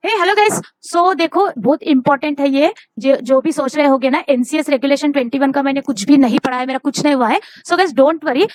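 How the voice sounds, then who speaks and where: High-voiced woman tutor giving urgent exam tips. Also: no room sound. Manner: urgent, repeats herself, mixes Hindi and English.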